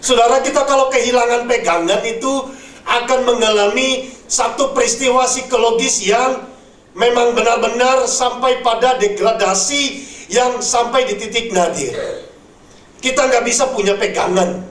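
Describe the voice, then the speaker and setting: A man's voice: very high voice, moderate pace, a bit bright. A man preaching a sermon who keeps calling his listeners "brothers and sisters". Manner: addresses listeners as "saudara". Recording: echoey room, mic from far off.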